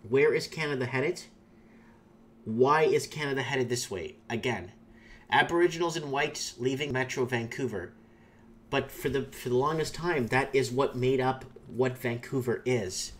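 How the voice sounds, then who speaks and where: A Portuguese-speaking man hosts his own YouTube channel, rambling through opinionated takes on viewer comments with lots of fillers and restarts. His voice is medium in pitch and fairly bright, delivered at a moderate pace over slight background noise.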